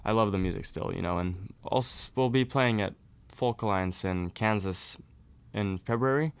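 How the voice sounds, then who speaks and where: A man's voice: fairly low pitch, normal speed, clean tone. A young man from Norway, a folk musician, chatting casually as an interview guest and laughing easily.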